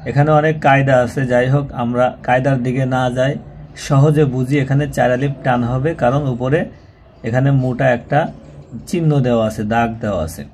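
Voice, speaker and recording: A man's voice: medium pitch, steady tone, darkish tone, slight background noise. Guy teaching quran spelling, patient, breaks every word down. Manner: slow drawn-out recitation alternating with plain explaining. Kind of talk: spelled-out Quran reading lesson.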